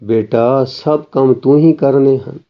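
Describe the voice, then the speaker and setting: A kind, motherly housewife, voiced by a male storyteller, coaxing gently. She speaks slowly and calmly. The sound is a little dull and lo-fi. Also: mid-range voice.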